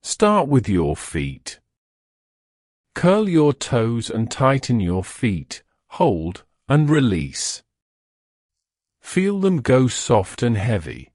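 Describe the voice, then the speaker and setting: A man talks a listener down into sleep in a slow, unhurried voice. His pitch swoops widely, rising and sinking as he draws out each instruction. The sound is close and dry, with no room around it. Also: wildly swooping pitch, darkish tone, no room sound. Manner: slow, soothing, drawn-out delivery. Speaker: sleep hypnosis guide. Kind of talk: guided relaxation script.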